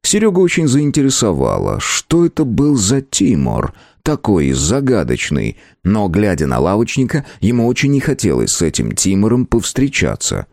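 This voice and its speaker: A man narrating a fantasy game story as an audiobook, in expressive scripted storytelling. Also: on the low side, normal speed, creaky, hardly any pauses, no room sound, studio quality.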